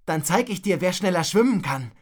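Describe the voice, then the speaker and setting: A woman voicing a brave, quick little girl in a storybook reading. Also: on the low side, expressive, darkish tone. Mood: eager.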